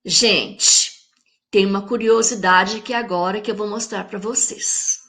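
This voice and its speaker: A woman teaching a recorded lesson for young children with a Brazilian Portuguese accent. She is patient, checks in with the children and sounds words out slowly. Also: medium pitch, fairly even intonation, a bit bright. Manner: patient, speaks straight to the children with check-in questions; spells words out syllable by syllable. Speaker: primary school teacher.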